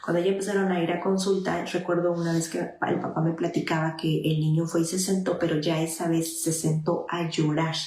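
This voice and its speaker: In an echoey room, a female child psychologist talks briskly through live parenting advice and viewer messages, barely pausing. Her voice is lowish, darkish, and fairly flat in pitch, and her speech is full of fillers and restarts.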